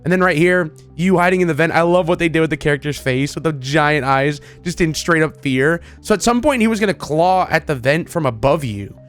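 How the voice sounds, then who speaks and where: With faint music underneath, the gaming creator talks briskly with few pauses in a slightly high voice. His informal, excited commentary wanders loosely from thought to thought.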